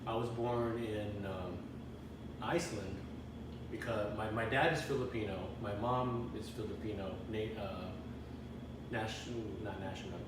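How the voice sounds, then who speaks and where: A middle-aged man tells his life story in a relaxed interview, doubling back and restarting often. He is heard from a little way off in a very echoey room, with noticeable background noise. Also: fairly low pitch, measured pace, far from the mic. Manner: rambling, restarts often, chuckles now and then. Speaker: interview guest. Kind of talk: casual personal storytelling interview.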